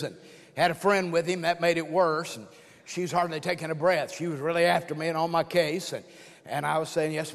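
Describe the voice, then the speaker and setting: A man's voice: a little high, fairly bright tone. An older man preaching a sermon with folksy humor, telling stories and joking with his audience. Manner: folksy storytelling with jokes and playful asides. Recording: long hall reverb.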